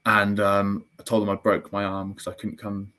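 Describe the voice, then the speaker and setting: Low-voiced young man recounting candidly. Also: monotone, moderate pace, bright, forceful tone. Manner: reflective and candid, with frequent fillers and restarts. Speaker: interview guest. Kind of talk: personal storytelling in an interview.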